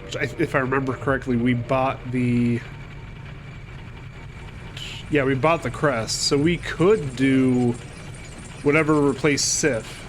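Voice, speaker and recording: Fighting a cold, a gaming channel host gives casual let's-play commentary, chatting, swearing now and then, and talking to enemies on screen. His medium-pitched voice is slow with long pauses and fairly even intonation. Slight background noise is audible.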